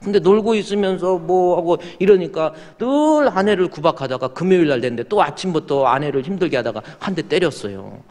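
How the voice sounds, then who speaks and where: Male pastor, sermon, somewhat high voice, dramatic swings from soft to shouted, long church reverb. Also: fairly quick, few pauses. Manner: animated, acts out quoted voices, swings from hushed to shouting. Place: church sanctuary.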